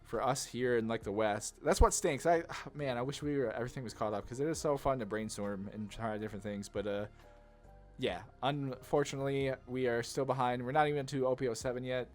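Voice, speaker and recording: A gaming content creator gives casual, rambling commentary on a card game, thinking aloud in slangy, informal speech over background music. His voice is mid-range and brisk.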